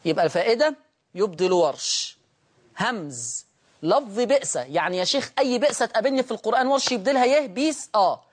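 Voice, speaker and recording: A man with an Egyptian accent teaching a Quran recitation lesson, who repeats each word slowly and asks and then answers his own questions. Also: sits high, animated. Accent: Egyptian Arabic.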